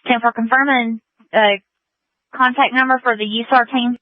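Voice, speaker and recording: A woman working as an emergency dispatcher over a police and fire radio channel, briskly repeating back unit numbers and codes. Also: a little high, steady tone, no echo. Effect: heard over a police and fire radio channel. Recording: narrowband radio transmission.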